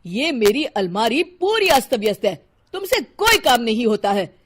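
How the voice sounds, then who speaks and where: Brief: irritated nagging husband, voiced by a woman, slightly high, cartoon dub. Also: big pitch swings, moderate pace. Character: grumpy, complaining husband.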